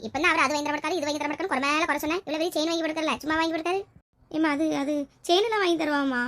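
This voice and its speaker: A high-pitched woman rattles through a family comedy skit at a breakneck pace. She bickers and teases in quick village banter. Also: a bit bright. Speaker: comedy sketch performer. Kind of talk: family comedy skit, playing several relatives.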